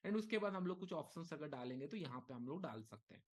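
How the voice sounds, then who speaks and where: A man leading a live market lesson, talking casually and thinking aloud, with frequent okays and short pauses. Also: on the high side, expressive, darkish tone. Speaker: trading instructor. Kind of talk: live market teaching session.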